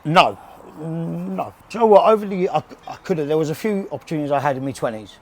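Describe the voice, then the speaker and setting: A man's voice: a little high, animated, fast talker, a little mellow. A man in his forties with a London accent, chatting casually and bluntly as an interview guest, often repeating words and restarting. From west London and Surrey, England. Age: 40s. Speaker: bare-knuckle boxer, interview guest. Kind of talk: casual chat. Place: indoors in a gym.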